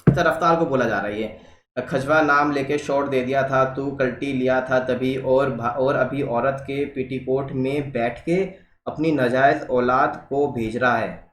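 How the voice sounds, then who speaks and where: A man's voice: mid-range voice, steady tone, measured pace, fairly bright tone, roomy sound, slight background noise, low-quality recording. A man hosting a reaction video, reading social media posts aloud and commenting on them in a casual way, mixing in English phrases.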